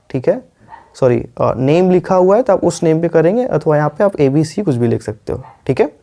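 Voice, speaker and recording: A man teaching English in a patient video lesson, often pausing to check with the viewer. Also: fairly high pitch, warm tone. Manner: patient, repeats words, frequent "ठीक है" checks.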